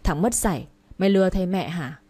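A woman's voice: on the low side, fast talker, warm tone, husky. A woman reading the part of a stern, harsh-tempered old rural father who scolds his son. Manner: scolding, curt.

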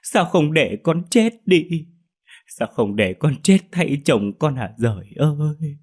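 A man's voice: fairly high pitch, sing-song, darkish tone, slightly rough, voice pushed up, heavily acted. A man doing a wailing young widow. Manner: wailing, drawn-out lament. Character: grieving young widow, wailing, feigning sorrow. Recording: faint music behind.

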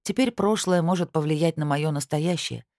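A woman's voice: deep voice, normal speed, darkish tone, no echo, clean studio sound. A woman reading a first-person fantasy audiobook, narrating expressively. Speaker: audiobook reader.

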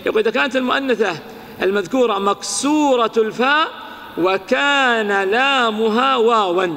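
A man teaching an Arabic grammar lesson, asking his listeners rhetorical questions and reciting lines of verse slowly. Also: high voice, bright, forceful tone, big-room sound.

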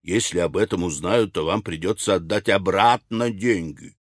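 A male audiobook reader voicing a scheming, level-headed young man who speaks in a low, measured, conspiratorial way. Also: no room sound, studio quality. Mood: stern. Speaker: audiobook character. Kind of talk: audiobook character reading.

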